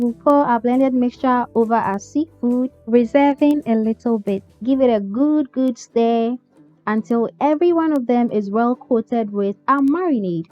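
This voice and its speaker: A woman hosting a cooking tutorial, talking the viewer through each step in a chatty way and often checking in with "okay?". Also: fairly high pitch. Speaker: cooking channel host. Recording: slightly dull sound with faint music.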